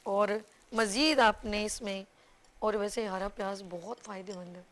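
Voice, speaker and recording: A woman's voice: medium pitch, fairly even intonation, a little slow, fairly bright tone. A woman with a Pakistani Urdu accent, hosting a live cooking show and explaining each step to viewers in a chatty, instructive way. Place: TV studio kitchen.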